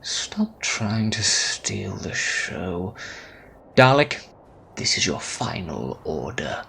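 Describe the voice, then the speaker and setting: An actor playing a domineering, haughty villain mastermind in a sci-fi fan audio drama, with theatrical delivery. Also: male voice, sits low, sing-song, very slow, vocal fry, a bit bright, a little hiss or hum, exaggerated voice. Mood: irritated. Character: domineering, impatient, grandiose male arch-villain mastermind. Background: faint music.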